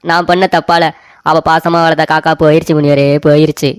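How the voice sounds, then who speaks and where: A man's voice: a little high, little pitch movement, fairly quick, clean tone, natural voice. Man doing a whiny doting husband, repeats himself, cartoon story. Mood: wailing. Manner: whiny, repetitive. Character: silly devoted husband, wailing.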